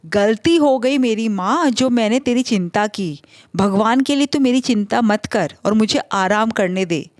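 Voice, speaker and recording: A woman voicing an irritable elderly mother-in-law who scolds her daughter-in-law in a shrill, exasperated way. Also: unhurried, dry recording, clean studio sound, natural voice.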